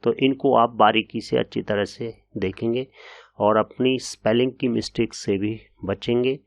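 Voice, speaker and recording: A man teaching an English grammar lesson in a patient, explanatory way, often pausing with hesitation fillers. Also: mid-range voice, steady tone, gravelly, no echo.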